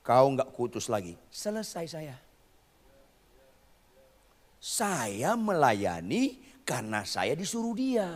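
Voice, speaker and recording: Animated preacher with a gravelly voice. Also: male voice, medium pitch, long reverb tail. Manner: animated preaching, swinging from quiet asides to shouting; teasing the congregation in slang. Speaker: pastor. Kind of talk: sermon.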